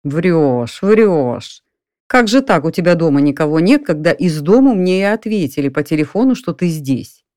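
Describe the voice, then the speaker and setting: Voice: mid-range voice, sing-song, moderate pace, darkish tone, no echo, clean studio sound, lightly acted. Reader doing an eager friend on the phone. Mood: insistent. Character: excited friend calling from a restaurant.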